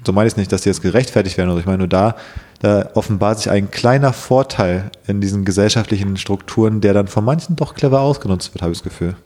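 A slightly hoarse young man with a lowish, darkish voice co-hosts a podcast, chatting casually. He talks fast and rambles, dropping in plenty of fillers.

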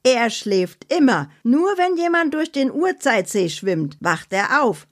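A woman voicing an excitable, blunt young female friend who delivers dramatic warnings in a high, breathless voice. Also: takes it slowly, full character voice.

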